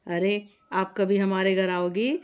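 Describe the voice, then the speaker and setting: A woman's voice: medium pitch, steady tone, slow pace, darkish tone, clear, resonant tone, natural voice. A woman voicing a jokey, teasing grown man, the brother-in-law in a family story.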